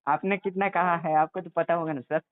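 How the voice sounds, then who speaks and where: A young adult man with a slightly high voice talks briskly and steadily on a phone call as a job applicant, negotiating in a hesitant, deferential, pleading way. The audio is tinny and narrowband, with no room sound.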